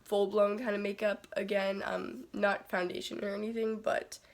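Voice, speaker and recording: Sick with a cold, a teenage beauty vlogger chats casually to her phone camera in a raspy, congested voice. Her mid-range pitch stays fairly flat at a moderate pace as she rambles with lots of "like" and "um."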